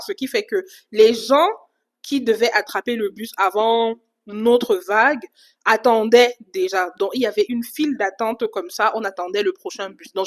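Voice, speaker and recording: Woman from Cameroon, vlogger, animated casual storytelling with a slightly high voice. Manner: animated retelling, casual fillers. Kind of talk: storytime vlog.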